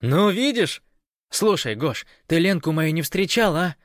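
A man voicing a cheerful young male sniper who talks loudly and eagerly. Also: fairly high pitch, unhurried, no echo, studio quality, voice pushed up. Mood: excited. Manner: eager, loud, excited.

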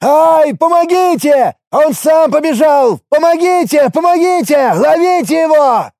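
A man reading an audiobook, voicing a man who fakes a shrill, frantic, panicking woman. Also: sing-song, unhurried, darkish tone, breathy edge, no room sound, clean studio sound, exaggerated voice. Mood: panicked shrieking. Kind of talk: audiobook character voice.

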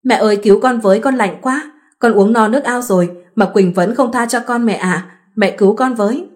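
A man's voice: high voice, brisk, a little mellow, lightly acted. A woman voicing a pitiful lovesick young village man who pleads and whines in a read-aloud story. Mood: whimpering. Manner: whiny pleading.

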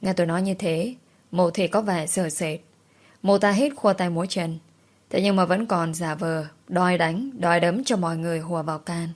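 A woman tells a story in a lowish voice. She keeps a brisk, matter-of-fact pace through the narration.

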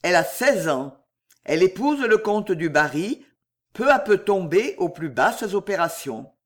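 Reader playing a spooky calm count, slow and measured, voice rises and falls a lot. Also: medium pitch. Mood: ominous. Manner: measured, ominous. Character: mysterious count, calm prophet of doom. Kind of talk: audiobook reading.

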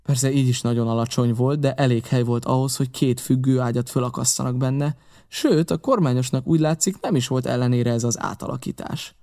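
A man narrating a classic adventure novel in the first person, with steady storytelling delivery. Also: mid-range voice, creaky. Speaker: audiobook narrator.

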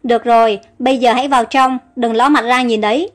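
Rich: A bold young pharaoh barks orders to his soldiers, as a woman reads his lines. Her voice stays high and light, and soft music sits faintly behind it. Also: steady tone, brisk, natural voice. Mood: commanding. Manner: commanding, gives orders.

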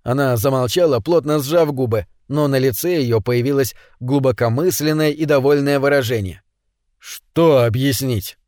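A man narrating a story as an audiobook reader, reading in an expressive, animated way. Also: mid-range voice, moderate pace, few pauses, no room sound, studio quality. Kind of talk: scripted narration.

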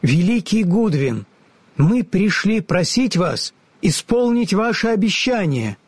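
A man's voice: high-pitched, big pitch swings, slow, husky, no echo, pitched above the performer's own voice, heavily acted. A man reading a storybook, voicing a timid but brave young girl who speaks earnestly. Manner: earnest, slightly trembling.

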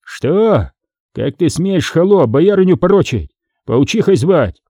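A man's voice: a little high, very animated, slow pace, dark tone, dry recording, studio quality, voice pushed up, heavily acted. A man voicing an imperious prince. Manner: imperious, indignant. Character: haughty prince, commanding adult man.

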